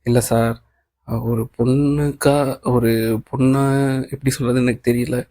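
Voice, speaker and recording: A man's voice: mid-range voice, little pitch movement, normal speed, dark tone, no room sound, lightly acted. A man reading a nervous, grateful young woman. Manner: names the speaker before each line. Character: young woman employee, anxious and overjoyed. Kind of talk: audiobook reading of a novel.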